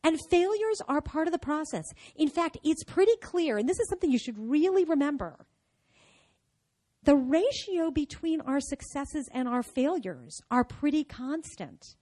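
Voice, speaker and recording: Lively woman telling a story on stage. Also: high-pitched, normal speed. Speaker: speaker giving a talk; entrepreneurship teacher. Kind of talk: storytelling talk to an audience.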